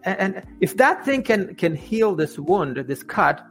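A man's voice: high voice, sing-song, measured pace, soft background music. A man, a life coach, telling his story as a guest in an interview, often repeating words and restarting sentences.

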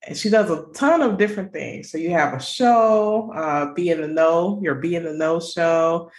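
Low-voiced woman hosting a podcast. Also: normal speed. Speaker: podcast host. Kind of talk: podcast interview introduction.

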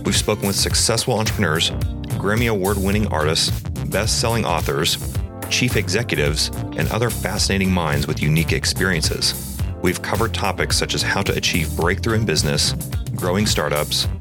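A man's voice: sits low, normal speed, music in the background. A man hosting a business podcast, reading an upbeat intro and then chatting, often repeating his words. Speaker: podcast host. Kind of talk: scripted intro then casual interview.

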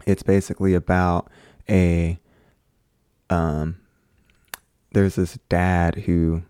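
A man's voice: low voice, dark tone, clear, resonant tone, no room sound, studio quality. A man reading a horror short story aloud after a loose, chatty intro. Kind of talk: casual intro and story narration.

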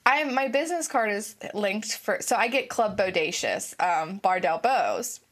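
A woman's voice: medium pitch, animated, unhurried. A woman in her thirties co-hosting a podcast, telling a casual story with lots of fillers and laughs. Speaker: podcast co-host. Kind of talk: casual chat.

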